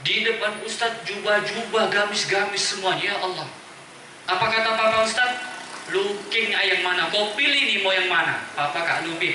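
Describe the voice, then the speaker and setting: A man in his thirties with a Medan accent preaches an emotional storytelling sermon, lively and chatty with playful asides. His voice is high and very bright. It rings heavily through a big echoey hall. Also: distant mic, a little hiss or hum. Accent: Medan Indonesian. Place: mosque hall at a religious gathering.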